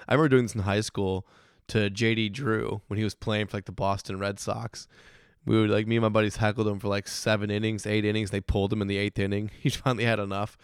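A man with a hoarse voice talks in a loose, rambling way, laughing often and breaking off mid-thought. His voice sits a little low and comes through smooth and resonant despite the hoarseness. The sound is dry and close to the mic. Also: no echo. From Michigan. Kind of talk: casual chat.

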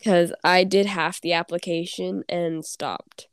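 A teenage girl co-hosts a casual podcast, her voice stuffy from a cold but still smooth and clear. She rambles and giggles through her stories, recorded close and dry. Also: on the low side, fairly even intonation, takes it slowly, no room sound. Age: teens. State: congested from a cold. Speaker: podcast co-host. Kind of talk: casual chat.

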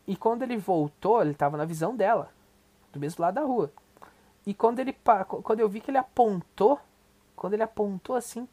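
A man's voice: high-pitched, a little fast, a little mellow. Profane rambling Brazilian man. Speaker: podcast host. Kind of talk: casual reaction commentary.

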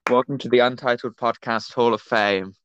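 A man's voice: mid-range voice, fairly even intonation, normal speed, muffled recording, very noisy. Teen guy telling a rambling story. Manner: rambling anecdote with many fillers. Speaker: podcast co-host. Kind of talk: casual chat, storytelling.

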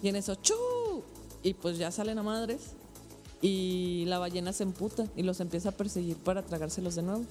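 A woman's voice: fairly low pitch, fairly even intonation, normal speed, mellow, soft background music. A woman with a Mexican accent casually retelling a film plot as a podcast host, full of slang and loose rambling. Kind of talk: casual storytelling.

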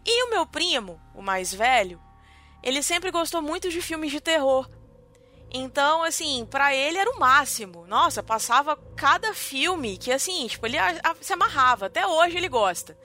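A young adult woman with a Brazilian Portuguese accent, co-hosting a podcast and telling a story in an animated, dramatic way, full of fillers. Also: sits high, normal speed. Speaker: podcast co-host. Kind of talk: casual storytelling chat.

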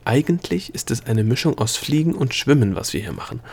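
A man voicing a snappish, lecturing male gnome guide in an audiobook reading, brisk and curt. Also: medium pitch, sing-song, gravelly, a little mellow, breathy edge, full character voice.

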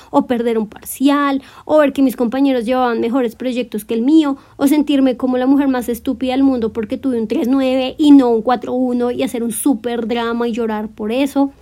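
Twenties podcast girl, high voice, mellow, gentle encouraging monologue to the listener. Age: 20s. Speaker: podcast host. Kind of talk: reflective solo podcast monologue.

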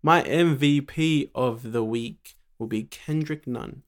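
A young man with a medium-pitched voice, talking as a podcast co-host. His delivery is casual sports banter, full of slang and teasing jokes. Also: slow.

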